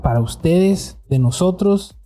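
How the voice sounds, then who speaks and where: Joking Mexican podcast host, mellow. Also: male voice, sits high, expressive, measured pace, soft background music. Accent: Mexican Spanish. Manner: joking, teasing friends, playful singsong. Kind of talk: casual podcast chat.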